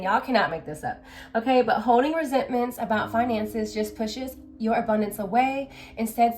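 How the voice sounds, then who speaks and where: High-voiced woman reading tarot. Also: darkish tone. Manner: chatty, addresses viewers directly. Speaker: tarot reader.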